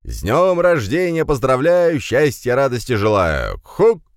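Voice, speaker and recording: A man's voice: medium pitch, huge pitch swings, measured pace, no echo, studio quality, voice pushed up. A man doing a pompous young aristocrat. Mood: theatrical. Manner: pompous, theatrical declaiming. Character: eccentric young aristocrat, cheerful, declaiming.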